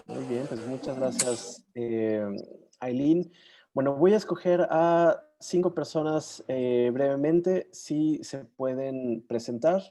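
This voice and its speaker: Warm-voiced man hosting a video call. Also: mid-range voice, slow. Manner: hesitant, often searching for words and names. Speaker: moderator. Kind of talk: casual online session hosting.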